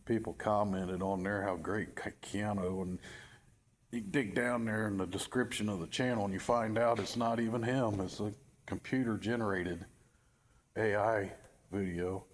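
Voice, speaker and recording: Brief: middle-aged man, low-pitched, casual wry self-mocking vlog talk, cold dim workspace. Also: measured pace, slight background noise. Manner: rambling, wry and self-deprecating. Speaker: channel owner. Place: cold, dim work building with fluorescent lights.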